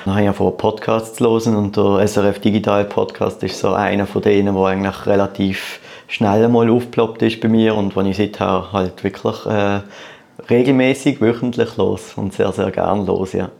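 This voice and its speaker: This podcast guest, a start-up entrepreneur in his 30s with a Swiss German accent, talks casually and tends to repeat words along the way. His voice is on the low side, gravelly and darkish, with a flat delivery at normal speed.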